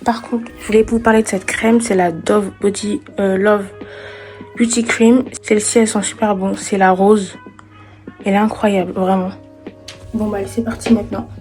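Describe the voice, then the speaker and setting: A woman's voice: medium pitch, flat delivery, moderate pace, a little mellow, faint music behind. A woman in her twenties talks casually to viewers while walking around outdoors with a handheld phone camera, chatting and making self-conscious asides. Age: 20s. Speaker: travel vlogger. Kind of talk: casual solo travel vlog. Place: outdoors, walking through parks and streets.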